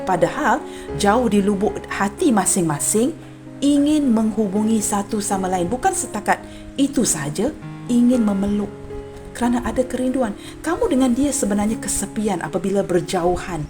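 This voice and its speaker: A woman gives a general tarot reading straight to her viewers in a gentle, unhurried manner. She keeps dropping a soft "ya" between her thoughts and calls her listeners friends. Clear background music plays behind her voice. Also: medium pitch. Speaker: tarot reader.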